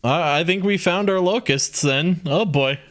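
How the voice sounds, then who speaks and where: A man's voice: high-pitched, a little slow. A man giving casual, profane, joking commentary while streaming a game.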